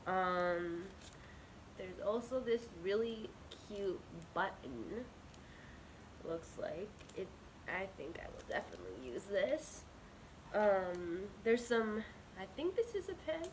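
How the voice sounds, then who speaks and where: Female unboxing vlogger, unhurried and bubbly, sounds a bit sick, some background noise. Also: mid-range voice, big pitch swings, rough recording. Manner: gushing, bubbly, drawn-out words. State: slightly sick, with a cold. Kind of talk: casual excited unboxing chat.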